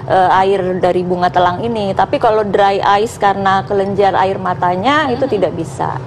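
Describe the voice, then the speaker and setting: A woman doctor giving unscripted, somewhat halting explanations as a guest expert on a talk show. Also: mid-range voice, crowd noise.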